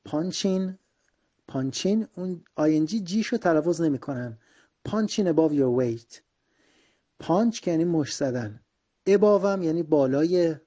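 A Persian-speaking man teaches English idioms in a very dark, mellow voice that sits a little high for a man. He says each phrase slowly and carefully, then switches to brisk explanation. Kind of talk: language lesson, explaining phrases.

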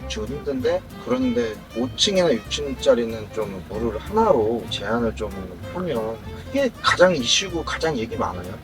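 A man's voice: mid-range voice, moderate pace, hardly any pauses, over music, low-quality recording. A man working as a delivery driver, talking frankly and plainly about his job in an interview. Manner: frank, animated, talks plainly about work. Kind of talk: casual interview.

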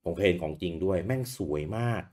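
Deep-voiced man chatting casually. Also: fast. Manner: relaxed, chatty, swears casually. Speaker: podcast co-host. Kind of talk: casual chat about retro games.

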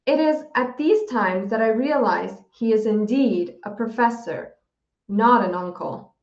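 Slow, steady woman teacher reading aloud. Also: fairly high pitch. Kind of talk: reading a novel aloud for students. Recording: dull, roomy recording.

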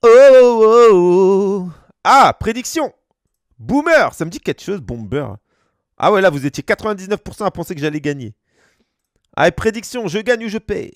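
A man in his thirties from France chats through a live gaming stream, his voice pitched high and bouncing up and down. He talks in slangy, joking asides to his viewers. The sound is close and dry, with no room around it. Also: big pitch swings, brisk, no room sound. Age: 30s. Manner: slangy, joking banter with chat. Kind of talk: casual gaming stream chat.

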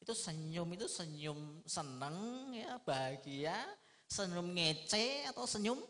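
A middle-aged man giving a lively, humorous religious lecture, asking his listeners rhetorical questions. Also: on the high side, unhurried. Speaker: Islamic preacher.

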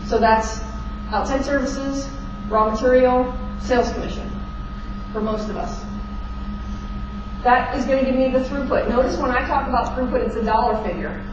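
A woman's voice: sits high, normal speed. A middle-aged woman giving a conference keynote lecture on stage, explaining terms plainly and quizzing the audience with questions. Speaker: keynote speaker. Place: large dark conference hall stage. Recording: echoey hall recorded from far off, dull and noisy.

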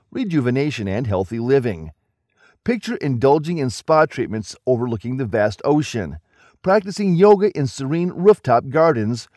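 A man reading a scripted documentary narration in a smooth, evenly paced promotional delivery. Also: mid-range voice, darkish tone, no room sound, clean studio sound. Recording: voice-over with faint background music.

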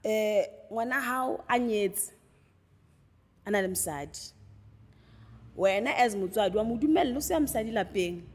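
Husky South African podcast co-host, woman. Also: mid-range voice, expressive, normal speed, long pauses, a little mellow, in a large hall. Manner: earnest, switches between English and Sesotho. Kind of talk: casual panel discussion.

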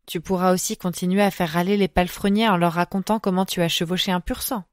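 A woman's voice: fairly low pitch, steady tone, fast talker, no room sound, clean studio sound, natural voice. A woman voicing a shy young woman in love, murmuring and hesitant. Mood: gentle.

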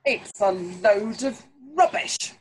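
A woman voicing a loud, boastful and angry male king in a storybook reading, shouting and scornful. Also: a little high, sing-song, moderate pace, background noise. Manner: shouting, scornful, self-important.

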